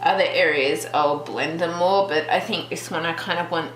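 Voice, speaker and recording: A woman hosting a relaxed real-time colouring tutorial, chatting and thinking aloud with trailing restarts as she works. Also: deep voice, normal speed. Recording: roomy echo with faint background music.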